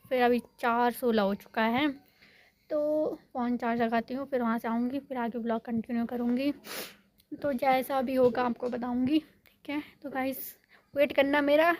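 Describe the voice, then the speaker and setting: A young woman chats to her viewers in a loose, rambling vlog, often stopping to correct herself. Her voice sits a little high. It is recorded close on a phone, with a dry sound and no room echo. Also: a little mellow. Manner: rambling, self-correcting, addresses viewers as guys. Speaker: vlogger. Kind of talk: casual chatty vlog monologue. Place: home in a village.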